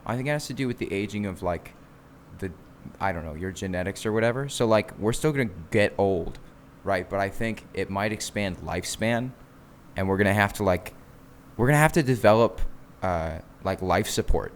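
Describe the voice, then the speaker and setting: A man's voice: lowish voice, expressive, normal speed, slight background noise. A young man co-hosting a podcast in casual chat, rambling with lots of fillers and frequent laughter. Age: young adult. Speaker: podcast co-host.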